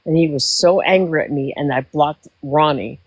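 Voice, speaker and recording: A woman's voice: low-pitched, normal speed, dry recording. A woman in her sixties, a livestream guest, telling a story in casual chat, emotional and rambling, often repeating herself. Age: 60s.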